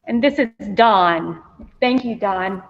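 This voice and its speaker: A woman's voice: medium pitch, slow. A woman moderating a question session in a church hall, friendly and encouraging. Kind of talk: event moderating. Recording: echoey hall from far off, dull.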